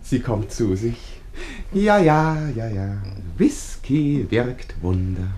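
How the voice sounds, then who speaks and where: An actor playing a fussy, overly polite village visitor in a radio play, effusive and rambling. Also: male voice, mid-range voice, big pitch swings, takes it slowly, warm tone. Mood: fussing.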